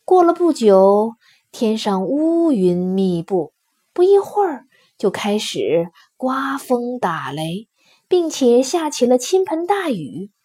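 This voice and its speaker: A woman reading a folk tale aloud in an expressive storytelling manner. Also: on the high side, slow pace, breathy edge.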